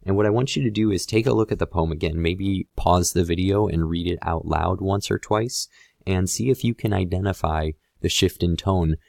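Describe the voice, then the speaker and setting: Male teacher for a video lesson, very low and gravelly, casual and direct with the viewer, dry close sound. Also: moderate pace, no echo. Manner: relaxed, conversational, addresses viewer directly. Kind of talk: explanatory lesson on a poem.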